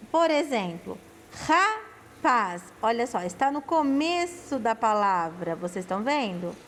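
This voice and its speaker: A woman's voice: high voice, big-room sound, slight background noise. A woman teaching a primary school lesson, patiently sounding out syllables and asking and answering her own questions, calling her pupils her loves. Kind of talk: slow, patient classroom lesson.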